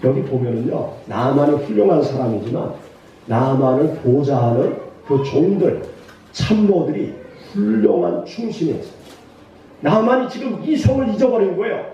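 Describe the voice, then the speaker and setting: A high-pitched male pastor delivers an animated sermon, now and then breaking into shouts as he voices the people in his story. He is heard from a distance in a very echoey church sanctuary. The sound is dull and muffled. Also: moderate pace, a little hiss or hum. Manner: animated, acts out quoted lines with sudden shouts.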